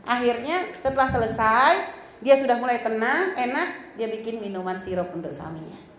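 Woman preacher, high voice, chatty and teasing, in a roomy hall. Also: lively intonation, normal speed. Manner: chatty, teasing, acts out quoted lines. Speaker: religious teacher. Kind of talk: religious talk to women. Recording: roomy hall with faint ambience.

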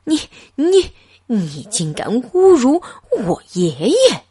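A woman voicing a pompous gentleman who shouts indignantly. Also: fairly high pitch, wildly swooping pitch, slow pace, breathy edge, no room sound, clean studio sound, voice pushed up, full character voice. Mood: furious, indignant. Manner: loud and indignant.

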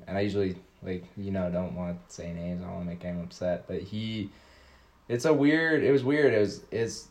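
A man appears as a guest on a casual chat show. He rambles and stops and starts, leaning on "like" again and again, in a fairly low voice. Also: a little mellow. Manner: rambling, halting, heavy use of "like".

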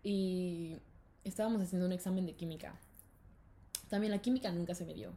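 A young woman with a Mexican accent telling a school story in casual chat, lively and full of laughter. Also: fairly quick. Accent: Mexican Spanish. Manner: animated, laughing, acts out quotes in high voices.

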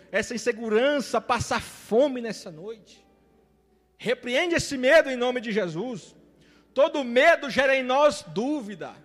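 High-voiced impassioned preacher in a hall. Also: male voice. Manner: impassioned, repeats phrases, swings between loud and soft. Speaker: evangelist preacher. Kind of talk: sermon.

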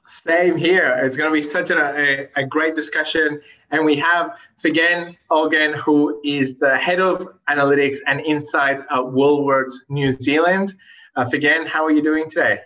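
Bright-voiced male podcast host. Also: on the high side, fairly even intonation, normal speed, rough recording. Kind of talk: podcast interview.

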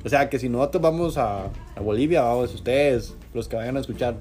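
A man's voice: medium pitch, fairly quick, darkish tone, faint music behind. A man with a Guatemalan accent co-hosting a casual chat, joking and often talking straight to the listeners. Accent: Guatemalan Spanish. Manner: jokey, laughs often, addresses listeners. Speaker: podcast co-host.

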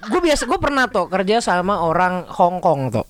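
A man's voice: high-pitched, big pitch swings, moderate pace, background noise. A man joking around in casual podcast banter, swearing in crude slang and laughing often. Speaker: podcast co-host.

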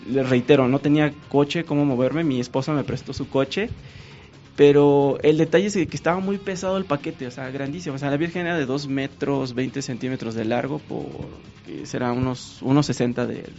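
A man's voice: mid-range voice, a little fast, dull audio, soft background music. A man with a Mexican accent, a painter guest telling a story in casual talk and acting out what people said. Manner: animated, acts out quoted dialogue.

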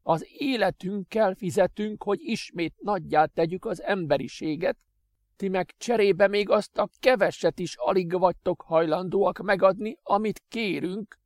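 A man voicing a bitter, scornful young master who is already dying, shouting his lines slowly and with contempt. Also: sits high, no echo, voice pushed up, natural voice. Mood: furious.

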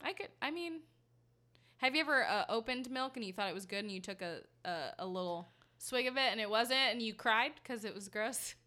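A woman's voice: fairly high pitch, lively intonation, brisk, sharp tone. An American woman co-hosting a podcast in casual conversation, with a self-deprecating, joking manner. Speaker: podcast co-host. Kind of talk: casual chat.

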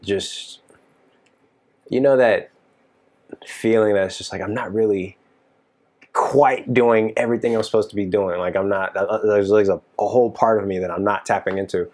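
A man's voice: lowish voice, moderate pace, long pauses. A man in his thirties from Texas, a working musician, chatting casually and rambling with lots of fillers. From Dallas, Texas. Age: 30s. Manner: relaxed, rambling, many fillers like "you know". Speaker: touring keyboard musician. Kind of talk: casual podcast chat.

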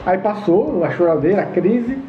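A man's voice: high voice, lively intonation, moderate pace, slight background noise. Guy telling his own story, earnest, does the voices of people he quotes, echoey room, muffled sound. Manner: earnest, acts out quoted dialogue. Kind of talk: personal testimony. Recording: roomy, dull lo-fi sound with faint guitar.

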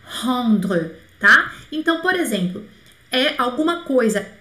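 A woman's voice: on the high side, big pitch swings, slow, pushed and bright, reverberant. A woman teaching French in a live-stream lesson. She explains patiently, spells words out letter by letter and checks in with the listeners.

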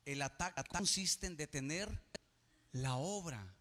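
Male pastor, fairly high bright voice, emphatic sermon, long church reverb. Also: measured pace. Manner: preaching, swelling to loud emphatic peaks.

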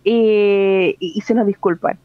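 A woman's voice: mid-range voice, steady tone, takes it slowly, clean tone, no room sound. Woman on dull lo-fi radio. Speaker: radio co-host. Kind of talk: casual radio chat.

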